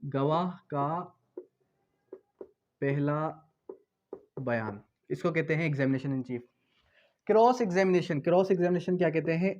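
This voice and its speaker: A high-pitched Pakistani man teaching law speaks unhurriedly with long pauses and a slightly mellow tone, in a muffled recording. His explanatory lecture, mixing Hindi-Urdu and English legal terms, is didactic and repetitive, with questions he answers himself.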